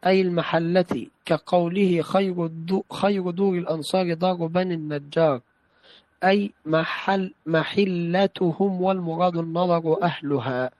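High-voiced man reading a classical text. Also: steady tone, moderate pace, a little mellow, no echo, poor audio. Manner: careful recitation, repeats phrases after corrections. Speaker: student reading a text aloud to a teacher. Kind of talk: reading classical text aloud in a study session.

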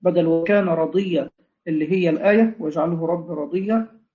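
A man's voice: a little high, fairly quick, warm tone. Egyptian man interjecting, muffled sound. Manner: short interjections and corrections. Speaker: student. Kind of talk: following the reading, correcting and reading notes.

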